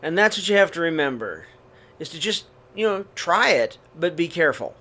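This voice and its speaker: Seated on a living-room sofa in front of curtains, a gentle man hosts a read-aloud for young children, reading a picture book in an unhurried storybook style with throat clears and restarts. His voice is on the high side and sing-song, recorded at close range by a webcam or laptop camera.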